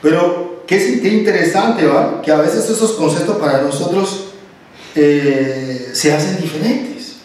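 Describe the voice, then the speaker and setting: A man leads a church Bible study, explaining in an animated, self-correcting way. His voice sits at an ordinary pitch and is picked up from a distance in a very echoey room. Faint background noise hangs under the talk. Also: unhurried.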